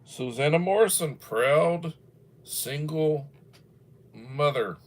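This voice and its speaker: Here a man in his early sixties hosts a livestream with a voice on the high side, taking things slowly. He chats casually and rambles in a folksy manner while reading viewer comments aloud.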